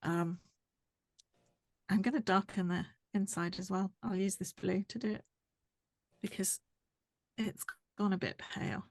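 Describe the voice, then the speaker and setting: A woman, explaining a drawing tutorial step by step while she works, her voice going hoarse. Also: mid-range voice, steady tone, a little slow, long pauses, dry recording, studio quality. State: losing her voice. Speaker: art tutor.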